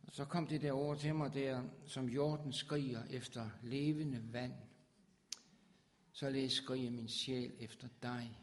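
A man preaching a sermon with fervor, his voice swelling loud on scripture. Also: medium pitch, fairly even intonation.

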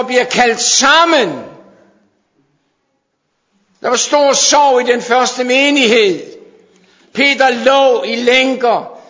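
A man preaching a fervent sermon to his congregation, sometimes dropping to hushed intensity. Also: very high-pitched. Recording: dull sound in a long-reverb hall.

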